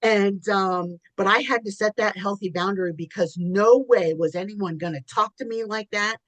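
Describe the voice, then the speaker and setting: A woman's voice: medium pitch, moderate pace, a bit bright, dry recording, low-quality recording. A woman co-hosting a podcast, telling a personal story in candid casual chat, often laughing. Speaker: podcast co-host.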